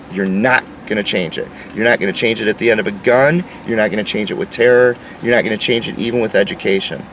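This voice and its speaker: A man's voice: on the low side, a bit bright, far from the mic, a little hiss or hum, low-quality recording. A man delivering an insistent, lecturing opinion monologue. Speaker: commentator.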